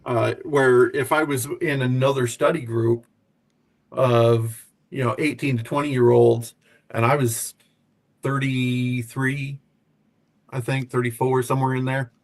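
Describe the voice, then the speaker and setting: A man's voice: medium pitch, flat delivery, measured pace. American man thinking aloud on a video call. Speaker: interview guest, veterans' organization officer. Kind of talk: conversational interview answers.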